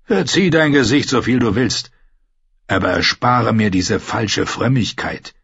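A man reading an audiobook, voicing a scarred, brutal warrior who talks in a gruff, scornful, growling way. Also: medium pitch, expressive, measured pace, fairly bright tone, no room sound, muffled recording, full character voice. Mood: menacing. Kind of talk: audiobook character voice.

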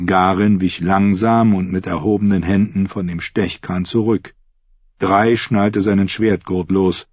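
Low husky guy reading a story, steady, dry sound. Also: measured pace, no room sound. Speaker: audiobook narrator. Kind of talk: scripted narration. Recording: slightly dull lo-fi recording.

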